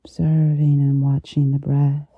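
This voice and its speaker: A meditation teacher guiding relaxation gently, with a soft, intimate delivery right in the listener's ear. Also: mid-range voice, completely flat delivery, husky, dry recording, phone-quality sound. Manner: slow, unhurried, gentle pauses. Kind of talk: guided meditation, soothing instruction.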